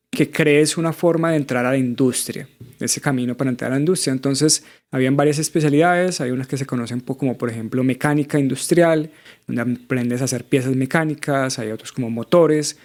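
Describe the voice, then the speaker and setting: The guest in this conversational interview is a Colombian man in his thirties with a Bogotá accent and a mid-range, darkish-toned voice. He responds to the questions thoughtfully, dropping in many small fillers along the way.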